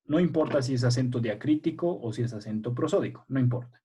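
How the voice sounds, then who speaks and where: A male teacher runs an online language class with young pupils, speaking over a video call. His voice is dark and slightly husky. He is patient and encouraging and checks in often with his class. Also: medium pitch, fast. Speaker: primary school language teacher.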